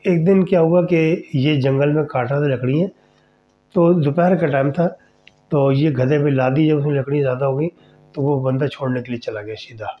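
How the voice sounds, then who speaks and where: A man's voice: fairly high pitch, faint music behind. Conversational male horror storyteller. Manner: conversational, addresses listeners directly. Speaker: storyteller host. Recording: dull lo-fi recording.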